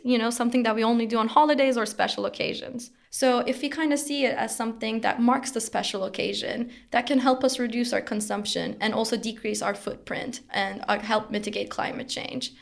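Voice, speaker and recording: Gravelly-voiced young woman. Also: a little high. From Turkey. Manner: measured, explaining with occasional fillers and restarts. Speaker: researcher guest. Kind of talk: explanatory interview answers.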